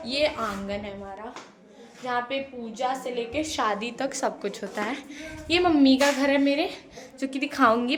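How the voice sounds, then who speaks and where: A woman's voice: on the high side, a bit bright. A young woman vlogging a casual home tour, chatting playfully to viewers while she walks through a family house. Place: family house, indoors and courtyard. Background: family members talking around her.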